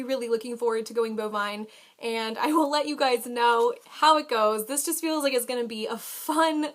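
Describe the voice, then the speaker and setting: A woman's voice: high-pitched, a bit bright. A woman talking casually and enthusiastically to her viewers as a book vlogger, with emphatic delivery. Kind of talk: casual book haul chat to camera.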